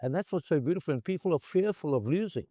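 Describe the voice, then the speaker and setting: A middle-aged man from South Africa, a bar founder telling lively stories in a casual interview and acting out the voices in them. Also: on the high side, quick pace, dry recording, clean studio sound. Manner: animated anecdotal storyteller, acts out dialogue. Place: bar in Cape Town.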